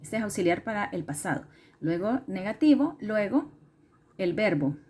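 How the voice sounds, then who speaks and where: Lady teacher going over grammar rules, slow and patient, repeats stuff, fixes her own slips. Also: medium pitch, animated, a little mellow, a little hiss or hum. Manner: patient, repetitive, self-correcting explanations. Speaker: English teacher. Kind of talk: recorded classroom lesson explanation.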